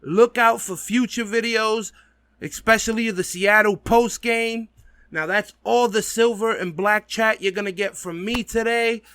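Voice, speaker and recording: A man with a slight lisp gives casual, opinionated sports commentary. His voice sits high and sounds bright and forceful, recorded close and dry. He is blunt and emphatic, swearing freely as he addresses fellow fans. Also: fairly even intonation, a little slow, smooth, dry recording. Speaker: host of a football fan video podcast.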